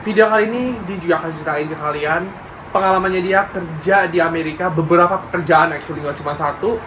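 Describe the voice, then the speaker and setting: A man's voice: on the high side, fast talker. A man from Indonesia hosting a casual interview, dropping English phrases into his talk. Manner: mixes English phrases, brief acknowledgements. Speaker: host. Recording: audible background noise.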